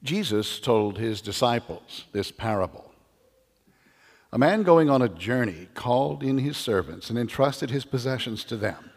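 A cleric reading the Gospel at Mass with a measured, solemn delivery, his voice ringing in a cathedral echo. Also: mid-range voice, expressive. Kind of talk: liturgical Scripture reading. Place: large church. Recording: long church reverb.

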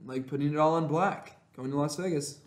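A young man chats casually as a podcast co-host. He has a slightly high voice, laughs easily, and talks in lively, self-conscious bursts. The room is noticeably echoey. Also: brisk. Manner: laughing, animated, self-conscious filler talk. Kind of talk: casual chat.

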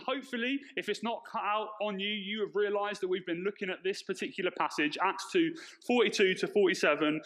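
Male preacher, high voice, addressing a congregation in a sermon, echoey church PA. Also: fairly bright tone. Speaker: pastor. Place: church, speaking to congregation and online viewers. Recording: echoey church sound system.

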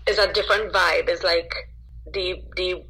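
Husky-voiced Trinidadian woman. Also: lowish voice, normal speed, low-quality recording. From Trinidad and Tobago. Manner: relaxed, laughs easily, chatty with many fillers. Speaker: soca singer and guest. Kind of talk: casual interview chat.

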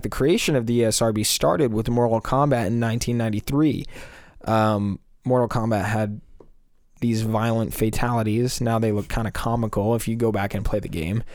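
A young man co-hosts a podcast in casual discussion, arguing a point with plenty of fillers while his voice is still recovering from being lost. It's medium-pitched and a little mellow, captured as clean studio sound with no echo.

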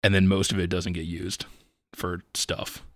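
A man's voice: sits low, little pitch movement, a little slow, fairly bright tone, no room sound. A man co-hosting a podcast in casual chat, rambling and leaning on "like" as a filler. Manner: rambling, heavy use of "like". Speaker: podcast co-host.

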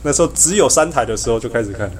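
A man's voice: medium pitch, expressive, very fast, crowd noise. A man with a Taiwanese Mandarin accent that slips into Hokkien, hosting a casual, teasing chat. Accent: Taiwanese Mandarin with Hokkien mixed in. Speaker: podcast host. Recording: clearly noisy background ambience.

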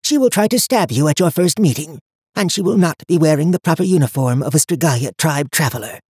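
A man's voice: a little high, expressive, fairly quick, a little mellow, husky, no echo, clean studio sound, pitched above the performer's own voice. A man doing a stern old blind seer woman. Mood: ominous. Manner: cold, formal, commanding. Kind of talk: audiobook character voice.

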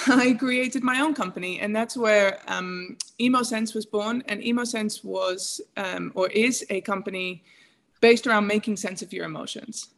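A woman's voice: mid-range voice, measured pace, a bit bright. Chatty woman guest. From England. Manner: chatty, laughs often, many fillers. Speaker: guest, emotional intelligence coach. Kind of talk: casual interview talk.

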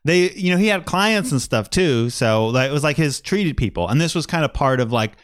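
A man's voice: fairly high pitch, lively intonation, brisk, smooth, no echo, studio quality. A man co-hosting a casual podcast, rambling with many fillers and laughing often. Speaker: podcast co-host. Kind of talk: casual chat.

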